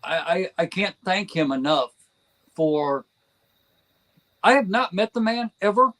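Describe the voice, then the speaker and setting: A man's voice: high-pitched, animated, unhurried, a bit bright, rough recording. A man from New Jersey chatting as a guest on a fan podcast, enthusiastic and rambling, with frequent chuckles. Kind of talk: casual podcast chat.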